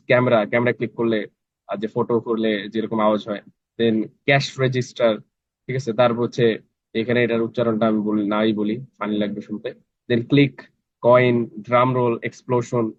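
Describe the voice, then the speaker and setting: Fast-talking man teaching an online class. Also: medium pitch, no room sound. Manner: chatty, checks in with students often. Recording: dry, slightly dull online class audio.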